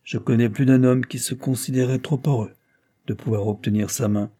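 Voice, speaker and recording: Man voicing a probing lawyer: deliberate, pointed questions, husky tone. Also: medium pitch, steady tone, mellow, lightly acted. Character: probing, guarded male country lawyer. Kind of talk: audiobook character voice.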